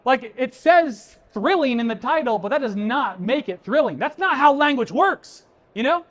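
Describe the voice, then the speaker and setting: A man's voice: very high-pitched, lively intonation, normal speed, a bit bright. A man giving a keynote at a conference, emphatic and conversational, talking straight to the audience. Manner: punchy, conversational, addresses the audience as folks. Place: conference stage before an audience.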